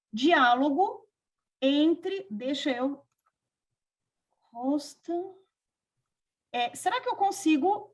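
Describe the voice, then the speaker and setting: Woman with a high voice, measured academic reader presenting a paper on a video call. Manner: measured, reflective delivery with literary quotations. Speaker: presenter at a psychoanalysis seminar. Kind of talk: reading an academic paper aloud.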